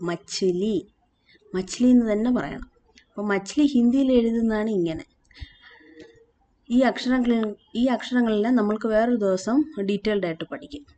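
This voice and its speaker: A woman teaching a language lesson, slowly repeating and spelling out each word, with hesitant fillers and self-corrections. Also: mid-range voice, a little mellow, slight background noise. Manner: slow, repeats and spells out words.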